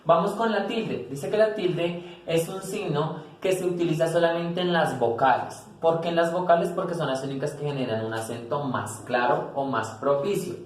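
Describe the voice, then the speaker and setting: A man giving a grammar lesson, explaining step by step, often checking in with listeners and correcting himself. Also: fairly high pitch. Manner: explanatory, repeats "¿listo?" and "pues", self-corrects. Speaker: teacher. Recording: very echoey room, voice a bit far from mic, faint noise.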